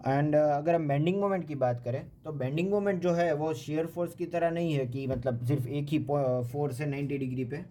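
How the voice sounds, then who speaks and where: A man's voice: on the high side, a little fast, few pauses, mellow, a little hiss or hum. A young Indian man giving an engineering lecture, explaining step by step with frequent fillers. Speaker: engineering teacher. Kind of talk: whiteboard-style lecture, mixing Hindi and English. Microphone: voice-over recorded over a handwritten sheet filmed from above.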